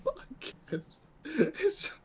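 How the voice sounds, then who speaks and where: A woman playing a tabletop game, chatting casually in a profane, halting, exasperated way. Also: background noise.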